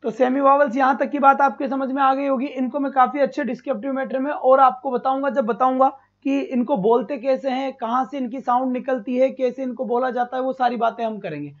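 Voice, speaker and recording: Man teaching a live online class, fairly high voice, slow repeated drilling, dull lo-fi stream. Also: fairly even intonation. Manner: calls students "beta", repeats and drills sounds slowly. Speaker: English teacher for exam prep.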